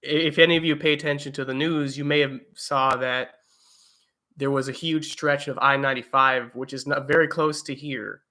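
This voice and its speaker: A man's voice: mid-range voice, fairly even intonation, normal speed, bright, forceful tone. A young man hosting a casual livestream, reading viewer comments and rambling with lots of fillers and restarts from home. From eastern United States. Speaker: livestream host. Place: home, indoors.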